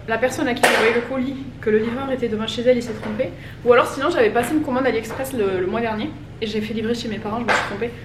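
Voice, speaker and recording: Chatty, rambling French woman vlogger. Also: fairly high pitch. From France. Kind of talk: casual chat to camera. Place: home, indoors, folding laundry. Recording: roomy echo, distant mic, background noise.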